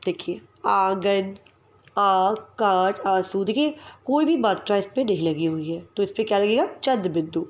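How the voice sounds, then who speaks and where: A woman teaching a grammar lesson, spelling out example words one at a time and explaining rules with careful pauses. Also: medium pitch, animated, dark tone, muffled recording, slight background noise.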